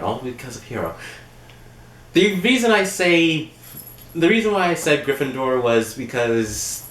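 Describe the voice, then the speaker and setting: A man's voice: medium pitch, a bit bright, echoey room, slight background noise. A man chatting casually as a panelist, explaining his picks in rambling, restarting sentences. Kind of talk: casual chat.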